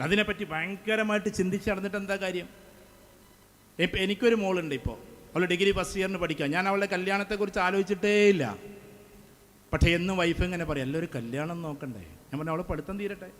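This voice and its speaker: A man's voice: high voice, fairly even intonation, quick pace, fairly bright tone. A middle-aged man, giving an emphatic speech to students and repeating phrases for effect. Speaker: motivational speaker. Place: school event hall.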